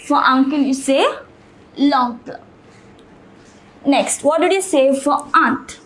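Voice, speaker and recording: Woman, high voice, slow deliberate pace, patient language teacher, repeats words for learners. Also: a little hiss or hum, poor audio. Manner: patient, repeats each word several times. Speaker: French teacher. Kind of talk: slow classroom-style language lesson.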